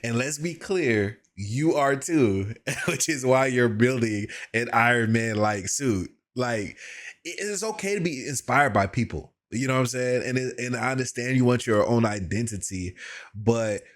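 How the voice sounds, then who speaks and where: A man's voice: medium pitch, unhurried. A man hosting a reaction video, commenting in a casual, conversational way with plenty of slang.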